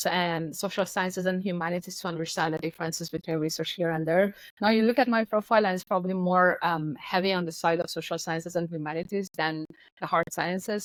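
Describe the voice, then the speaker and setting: Lower-voiced woman. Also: no echo, rough recording. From Iran. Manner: articulate, assured explanations. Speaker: guest. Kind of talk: podcast interview.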